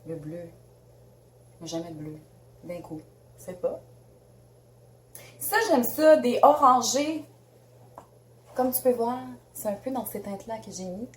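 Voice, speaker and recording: A woman's voice: fairly high pitch, animated, slow pace, long pauses, reverberant, a little hiss or hum. A woman with a Québécois French accent chatting casually and bubbly as she unboxes makeup for a beauty vlog, laughing often. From Canada. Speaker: beauty vlogger.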